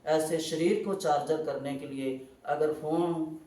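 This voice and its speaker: A man giving an animated devotional talk, telling stories full of quoted voices. His voice sits a little high and is heard from a distant mic in a roomy hall. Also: slow. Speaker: devotional speaker. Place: hall at a festival gathering.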